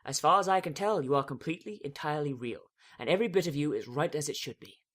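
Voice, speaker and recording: A reader acts as a regal female pony princess in a storybook drama. She is calm and motherly, speaking in a measured, stately way with gently varied intonation. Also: medium pitch. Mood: reassuring.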